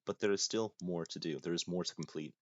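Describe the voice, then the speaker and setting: Low-voiced young man, dry self-mocking gameplay chatter. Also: a little fast, no room sound. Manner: dry, self-mocking, mutters while playing. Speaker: gaming YouTuber. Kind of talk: casual gameplay commentary. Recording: dull lo-fi, dry.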